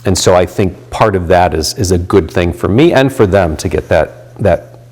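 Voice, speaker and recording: A man in his late fifties with a deep, low voice talks through his volunteer ministry work. He speaks in a loose, rambling way, full of "um"s and restarted sentences. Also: animated, normal speed, darkish tone. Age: 50s. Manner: rambling, many fillers and restarts. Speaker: volunteer chaplain and pastor. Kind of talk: reflective interview talk.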